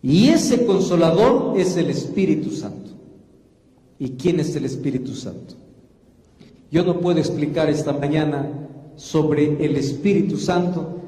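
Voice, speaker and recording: A male pastor delivering a sermon, slowing down to stress key phrases. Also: on the high side, animated, dark tone. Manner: slow emphatic preaching, leans on key phrases. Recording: echoey hall, reverberant.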